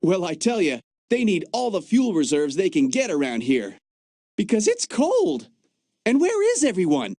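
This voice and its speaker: A man's voice: high-pitched, huge pitch swings, normal speed, dark tone, no echo, clean studio sound, full character voice. A man voicing an upbeat young field agent in a video game, chatty and fond of jokes about gadgets and the cold. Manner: chatty, jokey, enthusiastic. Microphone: dry studio mic.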